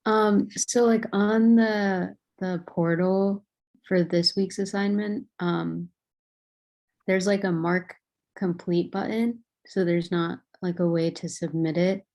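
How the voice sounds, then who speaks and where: A woman with a dark, mellow voice asks a question in a class, talking very slowly and haltingly. She searches for words and fills the gaps with "um" and "like". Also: on the low side, steady tone. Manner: hesitant, halting, full of fillers. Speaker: student.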